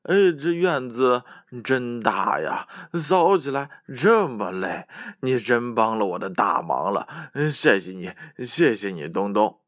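A man's voice: mid-range voice, big pitch swings, takes it slowly, hardly any pauses, no room sound, clean studio sound. A man voicing a tired, sweaty little boy who is thankful for help, in a children's story. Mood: grateful.

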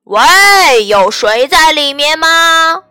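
Practical storybook pig, calling out loud, voiced by a woman. Bright, high tone. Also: expressive, unhurried, no room sound, clean studio sound, faint music behind.

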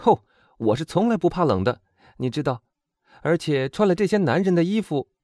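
A man's voice: a little high, big pitch swings, dark tone, dry recording, studio quality, pitched above the performer's own voice. A man voicing a bold, confident young woman who teases her timid friend. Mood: brisk. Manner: brisk, confident, teasing.

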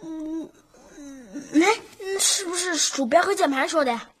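A woman playing a playful, giggly young boy in a family sitcom. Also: sits high. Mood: evasive. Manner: giggly, playful, quick to dodge.

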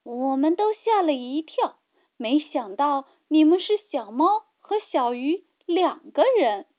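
A woman's voice: high-pitched, sing-song, slow pace, heavily acted. A woman voicing a proud, boastful flying fish leader in a children's storybook. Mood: hearty. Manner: boastful, hearty. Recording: tinny phone-like sound.

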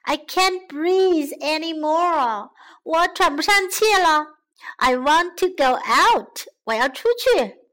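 A woman's voice: high voice, animated, slow pace, a bit bright, voice pushed up, full character voice. A woman voicing a timid small mouse that pleads anxiously in a children's storybook. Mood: tired begging. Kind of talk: bilingual children's storybook reading.

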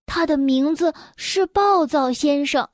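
A young woman reading a children's story aloud, gentle and expressive, speaking directly to the children. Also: high voice, unhurried, dry recording, studio quality.

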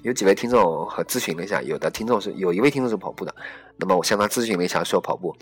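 A man's voice: low voice, very fast, husky. A man hosting a casual solo podcast, rambling along with lots of fillers and restarts. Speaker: podcast host.

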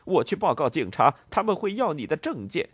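A man voicing a greedy, bullying middle-aged landowner who shouts and blusters in a husky voice. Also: fairly high pitch, sing-song, brisk, no echo, lo-fi sound, voice pushed up, exaggerated voice. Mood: furious.

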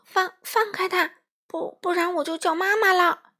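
A woman's voice: extremely high pitch, steady tone, a little slow, pushed and bright, voice pushed up, heavily acted. Woman doing a stammering timid little boy. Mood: scared pleading. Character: timid young male friend, stammering.

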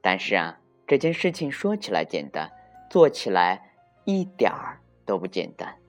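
A storyteller reading a children's picture book aloud in a slow, expressive way. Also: deep voice, soft background music.

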